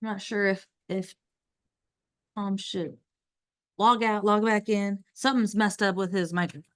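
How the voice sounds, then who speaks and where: A woman's voice: mid-range voice, steady tone, unhurried. A woman chairing a public committee meeting over a video call, organized and upbeat as she leads the agenda.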